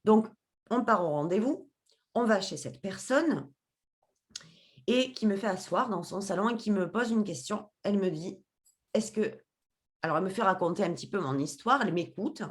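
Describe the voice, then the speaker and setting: This woman, a podcast guest, shares something that happened to her, her medium-pitched voice expressive and her pace normal. As she acts out the exchanges in her story, she takes on the voices of the other people.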